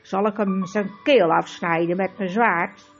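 A woman's voice: medium pitch, fairly even intonation, unhurried, voice pushed down, lightly acted. A woman voicing a grim, scornful male dwarf. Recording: dull lo-fi with faint music.

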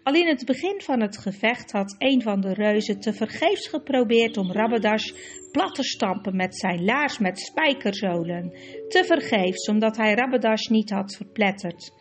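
A woman reading a storybook aloud in a lively, expressive way. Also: mid-range voice. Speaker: narrator.

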